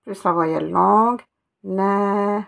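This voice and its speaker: A woman's voice: mid-range voice, takes it slowly, gravelly, a bit bright. A woman teaching Arabic letters one by one, patiently spelling out each sound and repeating it. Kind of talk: step-by-step reading lesson.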